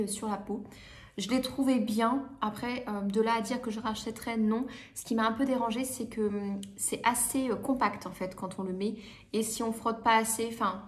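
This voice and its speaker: A woman talks straight to her viewers in a relaxed product review vlog. She chats along easily, often pausing on little fillers as she searches for words. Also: on the high side. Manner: chatty, hesitant with many fillers. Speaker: beauty vlogger.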